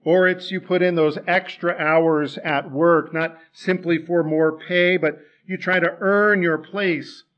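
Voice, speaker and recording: A man's voice: a little high, steady tone, slow pace, few pauses, highs cut off. A man preaching a sermon in a church, talking in a conversational way and putting rhetorical questions to the congregation.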